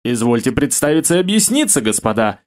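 A man's voice: mid-range voice, big pitch swings, quick pace, lightly acted. A man voicing a proud, formal young nobleman and swordsman in an audiobook. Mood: demanding. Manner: formal, haughty.

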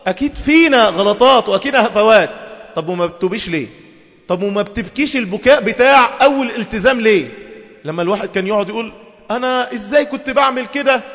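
A man's voice: sits high, a bit bright, big-room sound. A man preaching a sermon to women in an Egyptian Arabic accent, emphatic and full of rhetorical questions.

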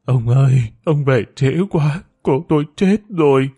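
A man voicing a weeping female servant in an audiobook story, tearful and hushed. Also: mid-range voice, lively intonation, fairly quick, husky, no echo. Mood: wailing.

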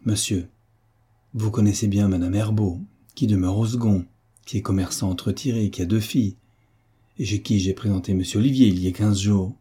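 A man voicing an excitable, self-important older woman housekeeper who talks in exclamations. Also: lowish voice, moderate pace, slightly rough. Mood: secretive. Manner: exclamatory, fussy.

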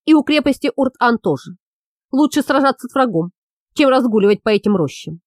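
A woman voicing a young female traveler who speaks softly and hushed. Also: on the high side, lively intonation, brisk, dry recording, studio quality, lightly acted. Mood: wistful.

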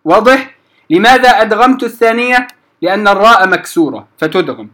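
A man leads a recitation lesson in a very high, bright voice. He chants each example slowly and twice, then asks the class whether it is clear. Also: animated. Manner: repeats examples slowly, checks understanding. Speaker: Quran recitation teacher.

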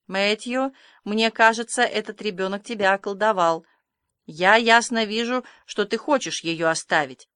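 Woman reading as a stern old farm lady, sharp and bossy, dry close sound. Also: mid-range voice, measured pace, clear, resonant tone, no room sound, natural voice. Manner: sharp, scolding, decisive.

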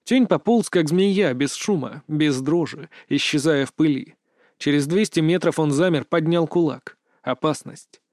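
A man tells a war story in short, punchy sentences. His voice is a little high for a man. The recording is dry and close, with no room echo. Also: a little slow, a little mellow. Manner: terse, clipped action narration. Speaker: narrator. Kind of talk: scripted narration of a war story.

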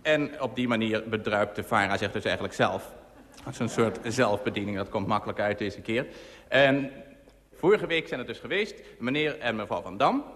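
A man's voice: lowish voice, expressive, moderate pace, fairly bright tone. A man hosting a live radio game show in front of a studio audience, chatting and joking with the contestants. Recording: hall reverb, faint audience and hiss.

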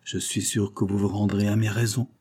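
A man's voice: fairly low pitch, level tone, a little fast, slightly rough. A man reading an audiobook, voicing a scheming, coldly polite marquis who sneers and presses his threats. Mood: menacing. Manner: sneering, insistent, rising to forceful outbursts.

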